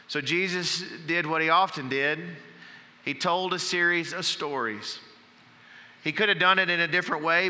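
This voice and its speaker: A man preaching a sermon from the pulpit, telling folksy stories and dropping to a hush for emphasis. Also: on the high side, big-room sound. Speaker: pastor. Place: church sanctuary.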